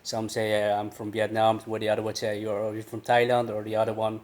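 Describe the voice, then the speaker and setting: A man in his thirties, born in the Netherlands, answering interview questions hesitantly with many pauses. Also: lowish voice. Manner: hesitant, many fillers, flat delivery. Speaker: guest, personal trainer. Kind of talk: casual interview.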